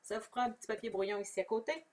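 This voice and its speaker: A woman's voice: a little high, racing, a little mellow, slight background noise. A woman with a Québécois French accent leads a casual, chatty craft tutorial, explaining each step and answering viewers. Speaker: crafting demonstrator. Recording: voice somewhat far from the mic.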